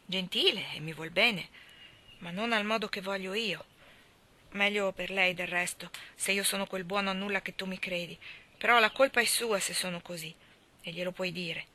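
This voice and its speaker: A woman's voice: mid-range voice, normal speed, sharp tone, close to an everyday voice. A woman reading aloud, voicing a bitter, heartbroken young man with a harsh tone.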